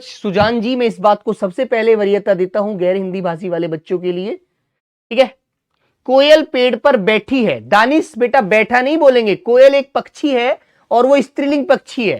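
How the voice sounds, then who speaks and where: In a very high-pitched voice, a man teaches Hindi grammar in an online exam-prep class, posing questions to his students, answering them himself and calling them son and brother.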